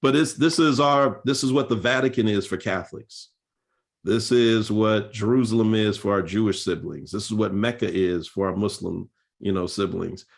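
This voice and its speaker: Low-voiced pastor telling church history. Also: male voice, normal speed, vocal fry. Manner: earnest storytelling with fillers and restarts. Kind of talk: seminar talk on church history.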